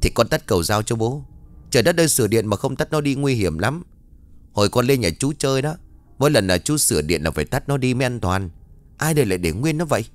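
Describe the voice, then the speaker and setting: A man's voice: medium pitch, expressive, fast talker, dry recording, soft background music, lightly acted. A man voicing a flustered young village son who argues and pleads with his parents. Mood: defensive. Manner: pleading, defensive.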